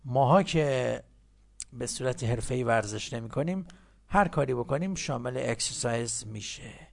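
Gravelly man teaching English slowly. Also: mid-range voice. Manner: switches between slow drilled English and fast explanation. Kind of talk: bilingual English lesson.

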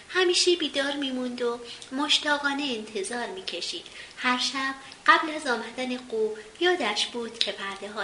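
A woman reading a children's storybook aloud in a gentle, measured way, in a roomy recording with faint hiss. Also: a little high.

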